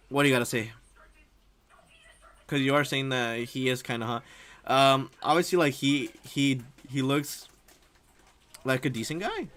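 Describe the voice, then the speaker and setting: A young man talks over a video he is reacting to, looping back on himself with fillers and slang. His pitch sits in an ordinary middle range, and he breaks into laughter often. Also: fairly bright tone. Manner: rambling, lots of fillers and "freaking", laughs often. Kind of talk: casual reaction commentary.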